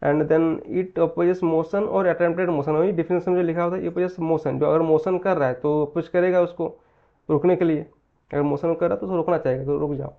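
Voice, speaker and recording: A man teaching a physics lesson in mixed Hindi and English, repeating key phrases slowly and answering his own questions. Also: on the high side, steady tone, phone-quality sound. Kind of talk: Hindi-English mixed exam-prep lecture.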